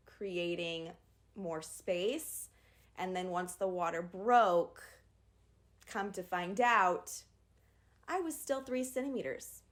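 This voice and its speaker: A young woman vlogger candidly retelling a birth story in a casual storytime. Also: medium pitch. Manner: candid, animated retelling with acted quotes.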